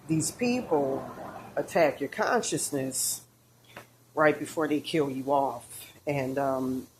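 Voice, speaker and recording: A woman with a low-pitched voice talks in a loose, rambling monologue, stopping and restarting with many fillers. She sounds woozy and out of breath. A faint hiss sits under the recording. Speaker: tarot reader.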